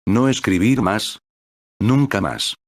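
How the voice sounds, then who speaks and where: A man doing a meek, stubborn storybook clerk, mild flat replies, deep voice. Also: takes it slowly, no room sound, clean studio sound. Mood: flatly refusing. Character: meek, deathly pale, stubborn male office copyist.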